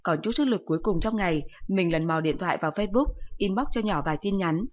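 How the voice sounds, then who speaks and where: Woman reading a comic story, low voice. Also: fast, lo-fi sound. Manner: lively, self-pitying, comic storytelling. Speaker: narrator. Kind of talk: first-person story reading.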